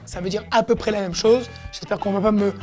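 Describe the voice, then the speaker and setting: A woman's voice: medium pitch, fairly even intonation, fairly quick, a little mellow, soft background music. A woman teaching everyday expressions in a casual lesson, explaining each word and acting out how it is said. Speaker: Hebrew teacher.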